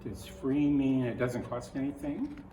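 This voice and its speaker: With a steady, dark, mid-range voice and a slightly slow pace, an older male storybook reader shares a children's picture book and chats folksily to young listeners like a grandfather. Expect roomy echo, a distant microphone and a noisy background.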